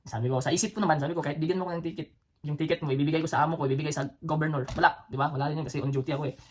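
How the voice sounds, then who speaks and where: A slightly high male voice with fairly even intonation comes at a rapid-fire pace over a faint hiss or hum. He's a Cebuano-accented man from the Philippines, an adult former soldier with children, rambling through a casual storytelling vlog with many fillers, restarts and chuckles between phrases.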